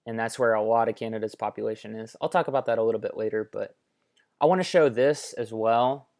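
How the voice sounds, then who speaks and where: A man's voice: lowish voice, fast, a little mellow. American man casually explaining over maps. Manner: informal, conversational, offhand asides. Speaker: presenter. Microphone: headphone microphone.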